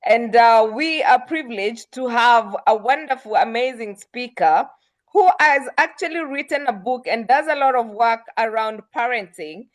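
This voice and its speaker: A woman hosting an online talk over a video call, brisk and full of fillers. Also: on the high side, animated. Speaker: host.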